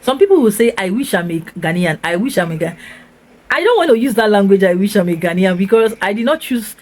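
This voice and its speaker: A woman's voice: medium pitch, animated, fast talker. Enthusiastic Nigerian woman vlogger. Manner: enthusiastic, repetitive and emphatic. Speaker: vlogger host. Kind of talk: casual reaction commentary.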